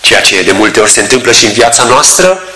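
A man preaching a sermon, reading scripture and explaining it with measured, emphatic delivery and drawn-out words. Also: lowish voice, sing-song, bright, forceful tone. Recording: echoey room.

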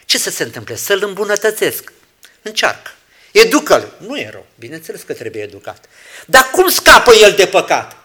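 A man preaching a sermon, dramatic, moving from hushed words to loud exclamations and acting out short dialogues. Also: high-pitched, very animated.

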